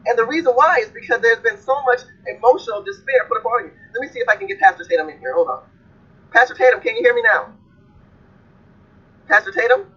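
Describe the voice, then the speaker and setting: A woman's voice: a little high, fast, fairly bright tone, husky. A woman hosting a livestream, lecturing her audience in an emphatic, repetitive, preaching style. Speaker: livestream host. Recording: dull lo-fi stream audio.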